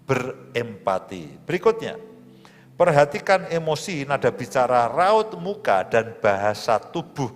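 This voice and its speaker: A man, a pastor preaching a sermon in a conversational, lively way with humor and asides. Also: medium pitch, a little slow. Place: large church hall. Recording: live church stream, hall reverb, soft music.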